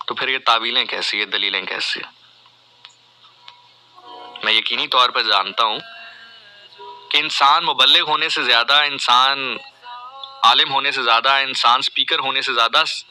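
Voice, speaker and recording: A man's voice: mid-range voice, fairly even intonation, measured pace, long pauses, pushed and bright, a little hiss or hum, low-quality recording. A man, a radio host giving an earnest, reflective monologue full of pleading rhetorical questions. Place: radio studio.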